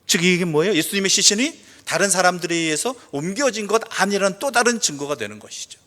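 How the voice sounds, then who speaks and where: High, lively male pastor preaching. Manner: asks the congregation questions and answers them; reads scripture slowly and softly. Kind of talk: sermon. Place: church sanctuary. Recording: long church reverb.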